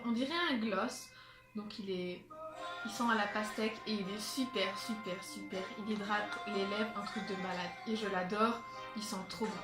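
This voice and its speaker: In an echoey bedroom under a skylight, a beauty vlogger talks casually to her handheld phone, no tripod, kept at a distance. Her voice is a little high, and she rambles with plenty of fillers while slightly breathless, as music plays behind.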